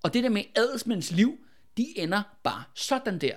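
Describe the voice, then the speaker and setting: A man with a high voice, well above the usual male range, leads a relaxed history chat. He tells events as a lively story, peppers his sentences with fillers and little "right?" tags, and bursts into acted-out dialogue. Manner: animated, many fillers and "ikke?" tags. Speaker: podcast host telling history.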